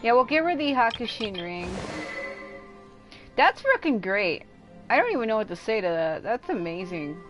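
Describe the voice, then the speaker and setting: Her voice on the high side and very animated, a woman chats at a moderate pace with long pauses while livestreaming a game. The audio is dull, game music plays underneath, and her rambling, informal talk has some casual swearing.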